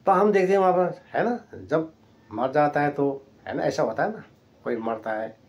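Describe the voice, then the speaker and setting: A man's voice: fairly high pitch, expressive, moderate pace, darkish tone. A man preaching a sermon, retelling a story vividly with repeated phrases and constant tag questions to his listeners. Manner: repetitive, emphatic phrasing.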